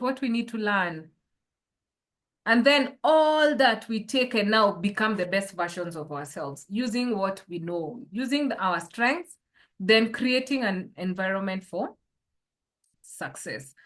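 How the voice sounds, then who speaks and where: Speaking in an animated, medium-pitched voice with a fairly bright tone, a woman coaches an online workshop a little slowly. Over the video call, she invites her listeners to reflect through her questions.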